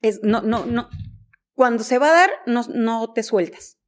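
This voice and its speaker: A woman's voice: fairly high pitch, unhurried. A woman journalist with a Mexican Spanish accent, a guest on a podcast, telling stories and acting out the dialogue. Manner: animated storyteller, acts out dialogue. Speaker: guest, journalist and news director. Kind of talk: conversational podcast interview.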